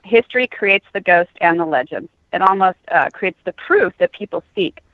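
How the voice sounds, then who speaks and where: A woman's voice: fairly low pitch, animated, normal speed, dry recording. A woman author answering questions as a podcast guest over a narrow, phone-like connection. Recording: tinny narrow phone-like line.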